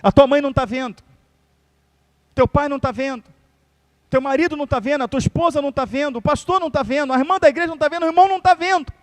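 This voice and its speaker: Brazilian male pastor, very high voice, fervent direct sermon delivery in a church service. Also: fast talker. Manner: fervent, direct preaching addressed to the congregation.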